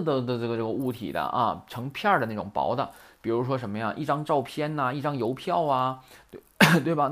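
A man's voice: medium pitch, a bit bright. A man teaching Japanese grammar in a chatty lecture, often asking rhetorical questions. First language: Mandarin.

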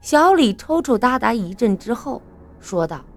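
Expressive woman narrating a story. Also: on the high side, moderate pace, faint music behind. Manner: expressive, dramatic.

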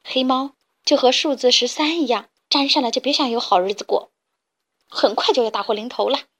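A woman's voice: high voice, brisk, fairly bright tone. A woman voicing a superstitious flock of panicky chicks in a storybook, shrieking shrilly. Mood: scornful.

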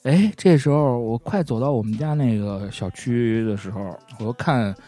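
A man, co-hosting a podcast and telling an anecdote in a chatty, animated way, often asking "you know?". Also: mid-range voice, moderate pace, soft background music. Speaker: podcast co-host. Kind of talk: casual storytelling chat.

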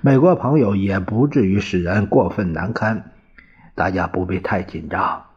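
A man voicing a calm, placating governor. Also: deep voice, husky. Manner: measured, placating. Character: composed middle-aged male provincial governor. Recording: dull lo-fi recording.

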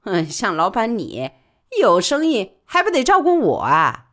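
A woman storyteller voicing a determined, spirited working-class woman who talks fast in a Wuhan dialect. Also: mid-range voice, wildly swooping pitch, voice pushed up. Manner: quick, bright, stubborn.

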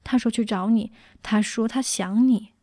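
A woman's voice: on the high side, normal speed, dark tone, dry recording, studio quality, lightly acted. A woman reading aloud, voicing a young girl who pleads with her imprisoned mother in a slightly raised voice. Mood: pleading.

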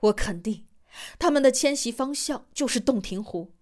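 A woman voicing an excited middle-aged male professor who lays out his reasoning the way a teacher questions a class, in an audiobook. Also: a little high, lightly acted. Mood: excited explaining. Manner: brisk, explaining like a teacher.

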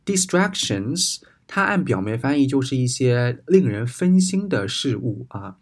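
A man's voice: medium pitch, very animated, normal speed, darkish tone. A Chinese man, a native Chinese speaker, teaching English words in Mandarin and spelling them out letter by letter. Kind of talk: explaining an English news text in Chinese.

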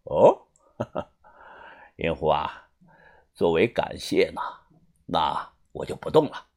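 A storyteller voicing a calm, sinister male villain who speaks slowly and laughs softly. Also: vocal fry, full character voice. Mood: menacing calm. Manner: slow, low, with soft laughs.

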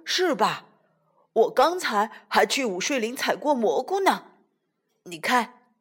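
A woman voicing a cheerful, generous grey wolf in a children's storybook, friendly and inviting. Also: a little high.

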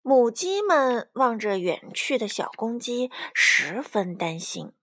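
A woman reading a children's storybook aloud expressively, pausing to explain things to a child. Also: on the high side, very animated, fairly bright tone.

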